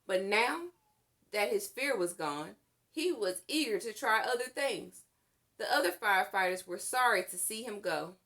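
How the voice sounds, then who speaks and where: The reader is a woman with a voice in the middle range. She tells a children's story slowly and expressively, in classic read-aloud style.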